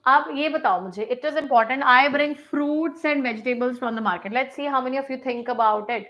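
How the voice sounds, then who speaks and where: A woman with an Indian English accent runs a live online grammar class, switching between Hindi and English. Her voice is high and bright, and her overall delivery is unhurried, with sentences read out slowly before quicker explanations. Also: low-quality recording. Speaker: English teacher.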